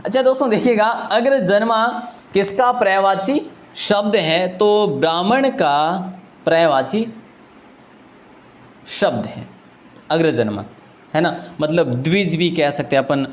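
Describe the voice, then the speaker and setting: A man with a Rajasthani Hindi accent teaching a live online exam-prep class, chatty and joking as he talks to his students. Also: a little high. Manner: chatty and joking, often addresses students as friends.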